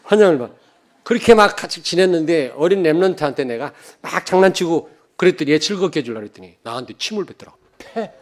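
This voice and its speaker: A man in his fifties from Cheonan, preaching a sermon as pastor, joking and telling stories, swinging from loud emphasis to quiet asides and calling out to the congregation. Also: a little high, expressive, fast talker. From Cheonan, South Korea. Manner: joking, anecdotal, calls out to the congregation.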